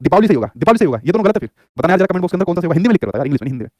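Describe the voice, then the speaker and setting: A man's voice: sits high, sing-song, a little mellow, dry recording, studio quality. A man teaching an exam-prep lesson, asking questions and answering them himself. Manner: rapid, repeats his own questions back to the viewer.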